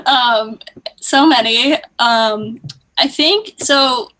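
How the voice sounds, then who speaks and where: Guesting on a podcast, a woman who co-founded a music company talks casually in slang, sprinkling "like" everywhere. She speaks on the high side, drawing out her words in a pushed, bright voice, and the recording sounds rough.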